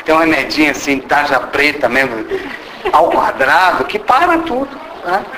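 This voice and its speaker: A man's voice: on the high side, huge pitch swings, moderate pace, sharp tone. A man with a Brazilian Portuguese accent giving an informal spiritual lecture, teasing and questioning the audience and acting out little dialogues. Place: meeting hall. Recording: roomy hall with background noise.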